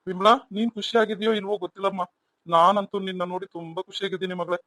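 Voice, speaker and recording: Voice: mid-range voice, steady tone, racing, pushed and bright, no echo, lightly acted. A voice actor doing a fond old grandfather. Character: elderly grandfather, fond and wise. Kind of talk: cartoon voice acting.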